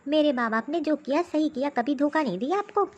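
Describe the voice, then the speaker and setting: A woman voicing a sharp-tongued, defiant young daughter-in-law in a cartoon story. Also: high voice, brisk, dull audio, close to an everyday voice. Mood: indignant. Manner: talking back, defiant.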